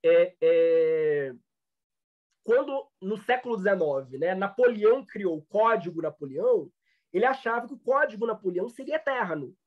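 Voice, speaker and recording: A man's voice: high-pitched, lively intonation, normal speed. Hesitant Brazilian man lecturing, lo-fi. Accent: Brazilian Portuguese. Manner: hesitant, many fillers and restarts. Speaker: law professor. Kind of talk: online lecture.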